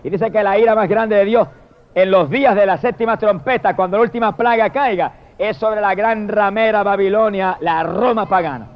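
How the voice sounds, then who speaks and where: A man preaching a fiery sermon, swinging from shouted hallelujahs to low murmured praise. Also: normal speed, slight background noise. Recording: dull lo-fi recording.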